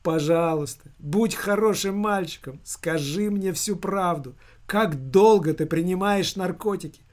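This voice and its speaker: A man putting on a shrill hysterical mother. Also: unhurried, close to an everyday voice. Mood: pleading. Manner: shrill, pleading, tearful. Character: hysterical anxious middle-aged mother.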